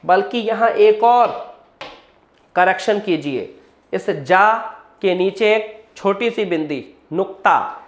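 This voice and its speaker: Slow-speaking man teaching pronunciation. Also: high voice, expressive, echoey room. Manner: slow, drawn-out demonstrations of each word; quizzes listeners with repeated questions. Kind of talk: spoken English lesson.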